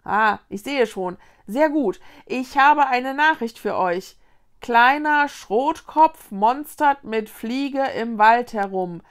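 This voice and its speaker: A woman's voice: fairly high pitch, animated, slow, smooth. A woman voicing a helpful, somewhat muddled fir tree woman who passes on a garbled message. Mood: eager. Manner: eager and a little flustered.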